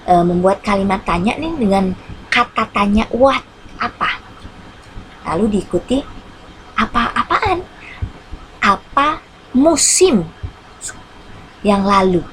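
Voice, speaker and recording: Slow-talking woman teaching English. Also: medium pitch, a little hiss or hum, poor audio. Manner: repeats each English line in Indonesian, slow careful English. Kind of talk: online English lesson.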